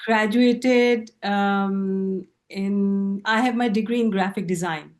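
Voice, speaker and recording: A middle-aged woman from Pakistan, speaking as a guest on a video-call interview, unhurried and hesitant with fillers. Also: medium pitch, fairly even intonation. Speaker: guest artist. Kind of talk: relaxed interview conversation.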